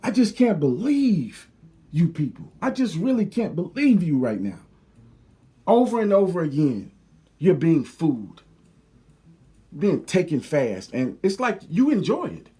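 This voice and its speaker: Angry guy ranting at his viewers, high voice swinging all over, cussing, faint music behind. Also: sing-song, a little slow, warm tone. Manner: heated, profane, preachy, repetitive. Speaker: video commentator. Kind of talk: angry rant to camera.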